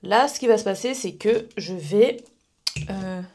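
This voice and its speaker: Stuffed up from pollen, a young woman chats casually to her camera, rambling through fillers and false starts, first in her bedroom and then in a small residence gym. She speaks at a measured pace in a warm, medium-pitched voice.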